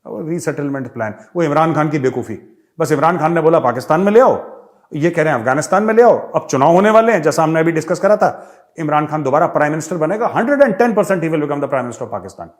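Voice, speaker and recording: Brief: sarcastic male host of a political commentary show, higher than average voice. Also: fast. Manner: sarcastic, mocking, animated. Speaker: host, retired army major.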